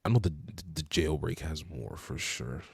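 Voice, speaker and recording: A young man co-hosts a podcast, chatting casually about cars in a laid-back way and dropping plenty of "you know" fillers. His voice sits extremely low and comes at a moderate pace, creaky with a breathy edge. The recording is studio quality with no room sound.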